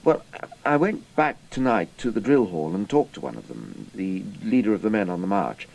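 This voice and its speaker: On a rough radio drama recording, an actor with an English accent plays an idealistic, indignant young Cambridge student who becomes a spy, earnest yet hesitant. His voice is lowish, gravelly, and darkish, very animated and exaggerated, at a normal pace.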